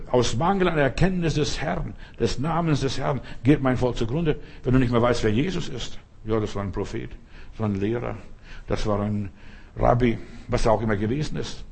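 Husky-voiced man preaching a sermon. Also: mid-range voice, a little mellow. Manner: emphatic, repetitive preaching with slow drawn-out stresses.

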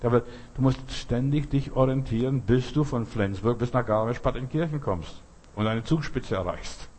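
A man preaching a sermon, emphatic and repetitive, building to loud outbursts. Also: medium pitch, normal speed, slightly rough.

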